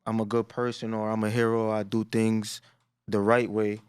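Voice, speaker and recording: A man, a rapper talking casually and quietly in an interview, often trailing off. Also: completely flat delivery, normal speed, clear, resonant tone, no room sound, studio quality. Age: 20s. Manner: laid-back, low-key, trails off with "that's really it". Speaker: rapper guest.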